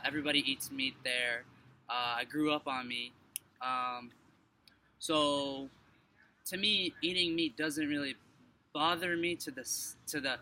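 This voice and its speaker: A man's voice: a little high, bright, forceful tone. A man from Morocco in a casual street conversation, rambling with many fillers and restarts. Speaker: passerby sharing his view. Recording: distant mic with background noise.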